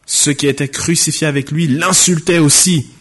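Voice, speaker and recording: A man's voice: on the high side, fairly even intonation, moderate pace, breathy edge. A man preaching a sermon. He reads a Bible passage aloud, raises his voice for quoted speech, then explains it in a plain conversational way. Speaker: pastor.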